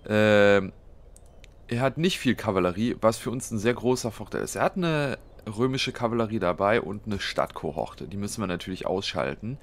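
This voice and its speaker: With a voice on the low side, animated and at a moderate pace, a let's play host who has a cold narrates a strategy game casually. He reasons through his moves one by one, leaning heavily on fillers.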